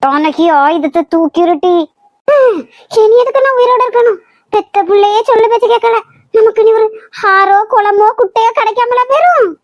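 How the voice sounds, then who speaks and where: Brief: a woman plays a melodramatic Kanyakumari mom in a cartoon, very high, scolding. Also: moderate pace, no echo, dull audio. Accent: Kanyakumari Tamil. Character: fussy middle-aged mother, nagging. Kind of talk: cartoon voice acting.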